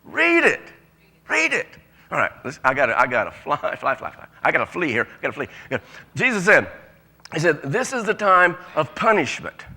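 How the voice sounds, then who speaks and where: A man's voice: on the high side, lively intonation, fairly quick, sharp tone. A man preaching a sermon to a congregation, emphatic and folksy, with frequent restarts. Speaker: pastor.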